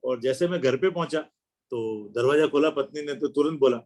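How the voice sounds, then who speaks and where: A man's voice: medium pitch, normal speed, a little mellow. A middle-aged man telling anecdotes as a guest speaker at a club meeting, acting out dialogue as he goes. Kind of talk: anecdotal speech. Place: meeting hall.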